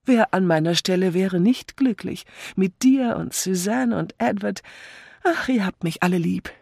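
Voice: medium pitch, measured pace, gravelly, darkish tone, no echo, clean studio sound, pitched above the performer's own voice. A reader voicing a cheerful, chatty vicar's wife who gushes in a bubbly way, in an audiobook. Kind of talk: audiobook character voice.

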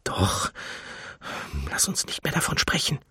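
A man voicing a nervous, flustered young mortal man, speaking in hushed, uneasy tones. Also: deep voice, animated, normal speed, husky, dry recording, heavily acted.

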